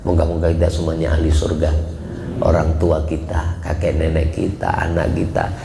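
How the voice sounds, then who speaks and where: A man's voice: very deep voice, normal speed, vocal fry. A man giving a dawn study sermon in a mosque, telling stories animatedly and acting out the dialogue. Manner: animated storytelling, acts out dialogue. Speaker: religious teacher. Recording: reverberant mosque hall with faint hiss.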